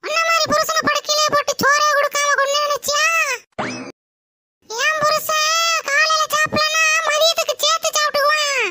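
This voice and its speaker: A woman voicing a combative, sharp-tongued young village wife with a Tirunelveli Tamil accent, shouting insults. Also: very high voice, level tone, normal speed, no echo, exaggerated voice. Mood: angry.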